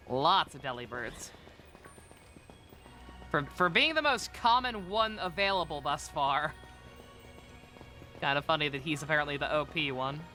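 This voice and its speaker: Guy streaming a game, casual joking sweary chat, really lively pitch, music going behind him. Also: measured pace, long pauses. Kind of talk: casual playthrough commentary.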